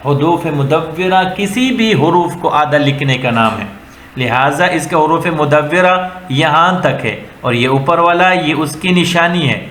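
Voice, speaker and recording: Slow, patient man teaching letters. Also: on the high side, fairly bright tone. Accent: Pakistani. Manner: patient, repetitive, drills letters one at a time. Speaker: Quran reading teacher. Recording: echoey room with faint ambient noise.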